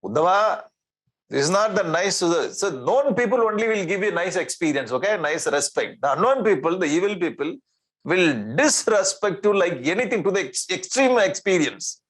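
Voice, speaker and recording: A man with a South Indian accent giving a spiritual discourse in an animated, conversational way, repeating phrases and asking rhetorical questions. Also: high-pitched. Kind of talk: spiritual discourse with Sanskrit verse recitation.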